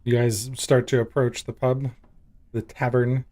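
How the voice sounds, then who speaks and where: Mid-pitched man narrating a tabletop game. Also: flat delivery, measured pace, warm tone. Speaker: game master.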